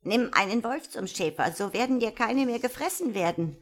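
A cheeky little talking starling that squawks for more food, put on by a woman reading a storybook. The voice sits high and loud, clipped and greedy. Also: lively intonation, normal speed.

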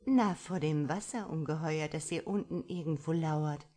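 A bold, coquettish middle-aged woman, as the female reader puts her on, teasing and unbothered. She lilts higher and livelier than the narrator's low reading voice. She sounds like a seductress straight out of an erotic audiobook. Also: normal speed, warm tone.

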